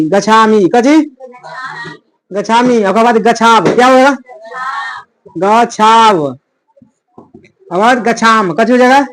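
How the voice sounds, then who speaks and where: A man's voice: extremely high pitch, fairly bright tone, slight background noise. A man teaching a Sanskrit grammar lesson in plain, rustic talk. He keeps asking a question and then answering it himself as a drill. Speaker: Sanskrit tutor.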